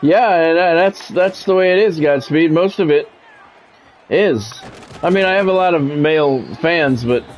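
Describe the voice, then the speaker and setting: A live streamer and play-by-play commentator, this man calls sports in clipped announcer phrases between relaxed chat with viewers. His pitch is fairly high, his pace measured, and a slight hiss or hum sits in the background.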